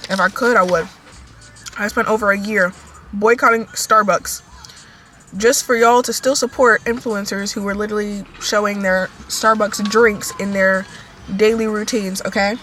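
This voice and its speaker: A woman's voice: mid-range voice, fairly even intonation, normal speed. An American woman vlogging in casual chat, talking to her viewers as y'all, with plenty of fillers. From United States. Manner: chatty, talks to viewers as y'all, many fillers. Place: inside a moving car. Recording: loud car road noise.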